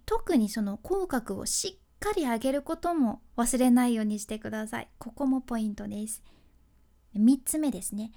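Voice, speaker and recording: A woman's voice: sits high, dark tone. A woman hosting a casual solo talk on speaking tips, speaking with a Kyushu dialect, chatty, laughing often and mixing polite speech with dialect. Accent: Kyushu dialect (Hakata-ben). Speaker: freelance announcer, podcast host.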